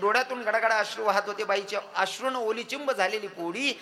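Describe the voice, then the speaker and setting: A man with a Khandeshi Marathi accent, a kirtan preacher telling a story with high emotion, loud one moment and hushed the next. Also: fast talker. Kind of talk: dramatic devotional storytelling.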